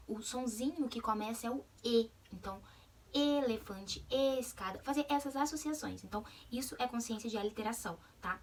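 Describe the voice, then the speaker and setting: A woman's voice: on the high side, sharp tone, recorded from a distance, slight background noise. A Brazilian woman giving a video lesson on literacy, talking with many hesitations and check-ins to her audience. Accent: Brazilian Portuguese. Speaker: literacy educator.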